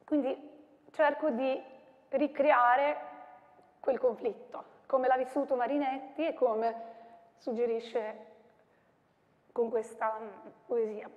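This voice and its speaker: A woman lecturing on sound poetry, then performing it aloud with shouted sound words and laughter. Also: high voice, steady tone, slow pace, pauses often, dull audio. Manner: explains softly, then recites with shouts, onomatopoeia and laughter. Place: large university lecture hall. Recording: echoey hall reverb.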